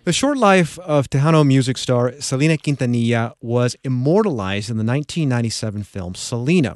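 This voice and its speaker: A man's voice: mid-range voice, darkish tone, no room sound. A male radio host leads an interview with easy, conversational questions. His voice sits in a middle register, and the studio sound is dry and close.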